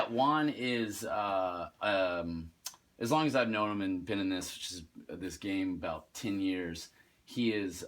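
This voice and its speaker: A man in a casual chat introducing a fellow actor, hesitant with many pauses and fillers. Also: low-pitched, fairly bright tone. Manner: hesitant, many ums and uhs. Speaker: guest actor.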